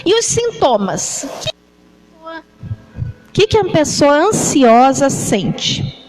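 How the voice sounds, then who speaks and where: A Brazilian woman gives a sermon in a high voice, taking her time over each phrase. She talks in a chatty way, keeps asking the listeners whether they follow, and acts things out with gestures as she goes. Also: big pitch swings, extremely slow, poor audio. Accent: Brazilian Portuguese. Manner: conversational, frequent tag questions to the congregation; demonstrates with gestures while talking. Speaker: preacher. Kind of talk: church sermon on anxiety.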